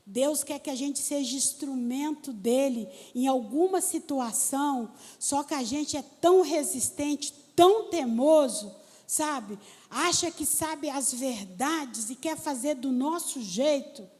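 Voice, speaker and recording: High-voiced woman pastor preaching in a hall. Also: slow. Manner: animated storytelling preacher, talks to the congregation directly. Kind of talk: sermon. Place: church hall. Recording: church hall with long reverb.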